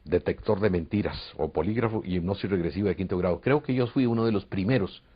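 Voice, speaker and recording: A Costa Rican man with a Costa Rican Spanish accent talks fast in a low, breathy-edged voice. He's an interviewee and UFO contactee earnestly recounting a long story with hesitations, captured on a dull lo-fi recording.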